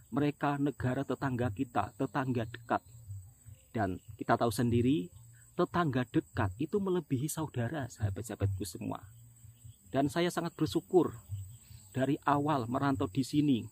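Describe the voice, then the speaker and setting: Husky middle-aged man talking to viewers. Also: medium pitch, darkish tone. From Indonesia. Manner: earnest, repeatedly addresses viewers as friends. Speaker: vlogger, migrant laborer. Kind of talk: casual monologue to viewers.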